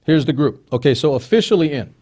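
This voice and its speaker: A man's voice: a little high, animated, fast talker, darkish tone. A man hosting a live stream, talking casually and reading a list of names with asides. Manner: chatty, digressive, reads names off a list. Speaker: host.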